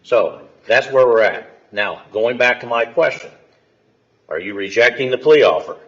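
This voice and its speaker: An American man speaking as a judge, stern and lecturing, with halting pauses, questioning and admonishing in a courtroom. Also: mid-range voice, lively intonation. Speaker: judge presiding over a hearing. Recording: muffled courtroom audio.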